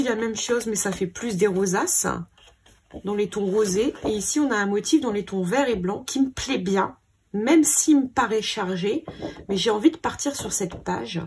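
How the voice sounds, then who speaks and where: A woman's voice: mid-range voice, a little mellow, a little hiss or hum. A woman hosting a scrapbooking video, thinking aloud in a hesitant, casual way as she sorts her papers. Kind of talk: casual crafting commentary.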